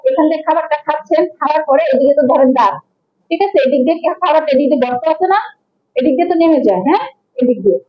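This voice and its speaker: This young woman, speaking with a Bangladeshi Bengali accent, teaches medicine in a classroom, taking time to explain, checking in with questions and repeating key vocabulary. Her voice sits high and the audio is dull.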